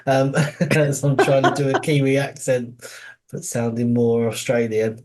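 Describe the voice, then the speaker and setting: A man's voice: mid-range voice, fairly even intonation, measured pace, darkish tone. A man co-hosting a podcast in casual, rambling chat, laughing often and swearing freely. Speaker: podcast co-host.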